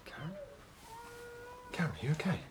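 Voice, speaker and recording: An actor playing a worried fiancé who nags anxiously and teases dryly. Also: male voice, moderate pace, a little hiss or hum, close to an everyday voice. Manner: anxious, dry teasing. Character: worried, teasing young fiancé.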